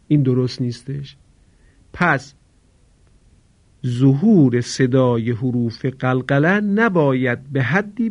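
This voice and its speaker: A man teaching Quran recitation rules, explaining briskly, then chanting example words slowly for students to repeat. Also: medium pitch. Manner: slow drawn-out recitation of example words between quick explanations. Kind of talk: tajwid lesson with call-and-repeat recitation. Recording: dull lo-fi recording.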